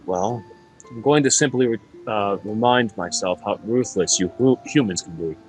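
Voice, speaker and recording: A man's voice: on the low side, normal speed, faint music behind, lightly acted. A man voicing a sarcastic, playful and menacing demon lord in an amateur game dub. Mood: sardonic. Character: demon lord, sardonic, laid-back, menacing, flirtatious ruler.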